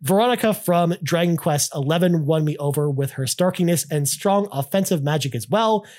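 Guy cohosting a gaming podcast, reads listener comments, excited, trips over words a lot. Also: fairly high pitch, moderate pace. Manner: enthusiastic, many restarts and "I mean". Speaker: podcast co-host. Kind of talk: casual chat reading listener comments.

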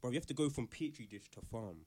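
A man's voice: mid-range voice, quick pace, warm tone, slightly rough. A man with a London roadman accent, reasoning bluntly in street slang during a casual group chat.

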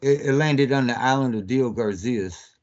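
A man calling in to a podcast, talking in a halting, rambling way with many fillers, over a phone line that keeps cutting out. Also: mid-range voice, a little mellow. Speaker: podcast guest on a phone call. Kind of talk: casual rambling account.

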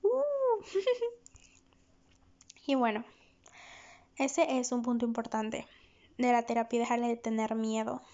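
A woman's voice: on the high side, moderate pace, long pauses, a little mellow. A woman psychologist hosting a podcast in a candid, chatty monologue, often laughing. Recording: dull lo-fi recording.

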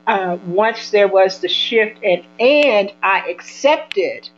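A woman guest speaking slowly and reflectively in a spiritual conversation. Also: medium pitch, animated, lo-fi sound, soft background music.

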